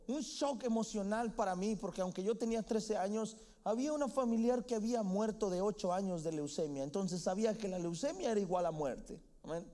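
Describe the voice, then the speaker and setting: A young male guest preacher delivering a sermon in a high voice with a dark, mellow tone. He is emphatic and dramatic, dropping low and then rising loud, dotting his lines with "amén". When he quotes people in his story, he acts out their voices. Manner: emphatic, frequent "amén" interjections, dramatic swings in volume.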